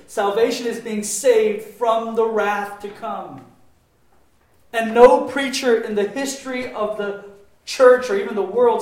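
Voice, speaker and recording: A man preaching a sermon with passion, his voice swinging between loud emphatic stretches and quieter ones. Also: high voice. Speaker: pastor. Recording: very echoey room.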